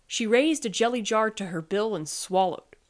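A woman reads a storybook aloud in a gentle, even way, savoring the playful sound words. Her voice sits at a middle pitch. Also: moderate pace. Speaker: podcast reader.

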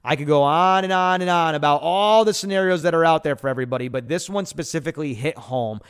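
A man's voice: on the high side, fast, smooth. An American man hosting a radio show, giving an emphatic sales talk and repeating key phrases.

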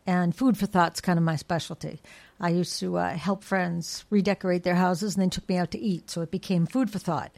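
A woman's voice: on the low side, fairly even intonation, a little fast, creaky, darkish tone. A woman co-hosting a casual podcast, speaking in a thoughtful, reflective, conversational way. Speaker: co-host from a home care agency.

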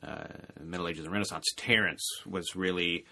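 A man, a classics scholar, explaining ancient comedy in a conversational interview, his phrases trailing off quietly at the ends. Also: sits low, fairly even intonation, moderate pace, vocal fry.

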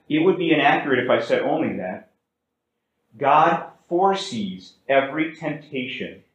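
A man preaches a sermon from the pulpit, his voice sitting in a middle register. He climbs and falls in pitch and loudness and stretches words out slowly to drive a point home. The church room around him is very echoey. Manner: preaching with wide swings in pitch and loudness, slowing for emphasis. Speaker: pastor. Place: church sanctuary.

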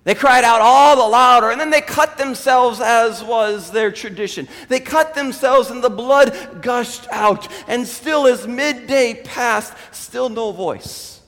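A man preaching a sermon as a pastor, retelling a story in an animated way and acting out the quotes. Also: very high-pitched, takes it slowly, hardly any pauses, long reverb tail.

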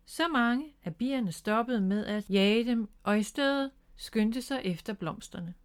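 A woman reading a children's picture book aloud in a calm, gentle way. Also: medium pitch, smooth. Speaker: storyteller.

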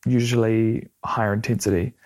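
A man's voice: lowish voice, little pitch movement, moderate pace, darkish tone. A man with a New Zealand accent, chatting casually in an easygoing, hesitant way as an interview guest. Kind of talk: casual conversation.

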